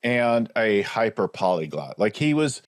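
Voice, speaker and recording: A man in his forties, a business coach, telling his story in a relaxed conversational way on a video call and often tagging his points with "right?". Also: on the low side, a little slow, dry recording, studio quality. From United States. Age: 40s. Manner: reflective, frequent tag "right?".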